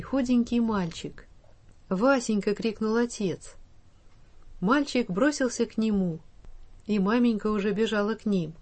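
A woman narrating a children's storybook, reading slowly and in a measured way. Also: mid-range voice, mellow. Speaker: audiobook narrator.

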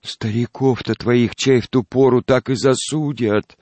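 A man reading a storybook aloud, voicing a gentle, frightened young peasant girl with a soft, tearful voice. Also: medium pitch, steady tone, a little slow, no echo, voice pushed up, close to an everyday voice. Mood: anxious pleading.

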